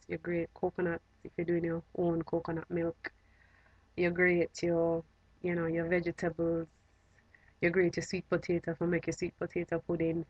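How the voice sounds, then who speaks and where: A woman from Jamaica with a Jamaican accent, chatting casually to camera in a fond, unhurried, reminiscing way. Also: lowish voice, no echo, dull audio. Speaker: vlogger.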